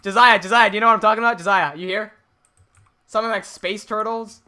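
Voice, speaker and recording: Fast and high-pitched with a steady, sharp tone, a young man from the Philippines with an American-sounding accent rambles casually as he builds on stream. He's relaxed, swears, and often laughs.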